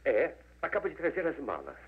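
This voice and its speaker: An actor dubbing a fussy, talkative household servant in an old film, listing things dramatically. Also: male voice, a little high, wildly swooping pitch, fairly quick, slightly rough, exaggerated voice. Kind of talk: 1940s Brazilian Portuguese film dub. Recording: tinny old film dub.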